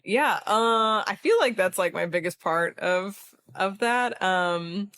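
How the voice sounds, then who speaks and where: A woman's voice: medium pitch, takes it slowly, a bit bright. A woman guest on a casual podcast, gushing about a show she loves, speech full of fillers. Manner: gushing, filler-heavy fan talk. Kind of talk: casual chat.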